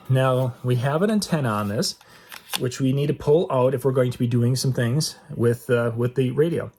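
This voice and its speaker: The host of an outdoor gear review channel, with a mid-range, slightly mellow and slightly rough voice, demos a product casually without a script. Speaking from inside a metal building, he keeps things folksy and repeats points to drive them home.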